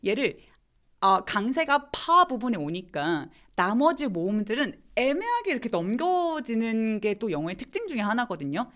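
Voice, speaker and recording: A woman teaching English pronunciation in a live online lesson, slowly demonstrating words and answering viewer questions. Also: on the high side, sing-song, a bit bright.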